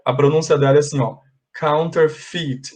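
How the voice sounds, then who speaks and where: Patient teacher, man, steady explaining voice. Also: on the high side, normal speed. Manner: patient, explains step by step, mixes in English phrases. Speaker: English teacher. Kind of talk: online class correcting exercises.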